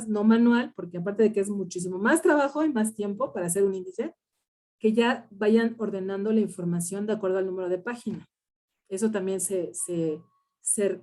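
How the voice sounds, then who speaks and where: A woman's voice: mid-range voice, mellow. A middle-aged woman, lecturing a university class and explaining things step by step, often checking understanding with "¿sí?" and "¿no?". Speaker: university instructor.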